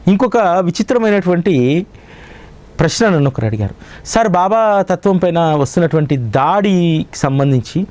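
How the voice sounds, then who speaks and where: A man's voice: sits high, lively intonation, moderate pace, darkish tone. A man giving a devotional discourse as a spiritual teacher, with a Telugu accent, preaching with rhetorical questions.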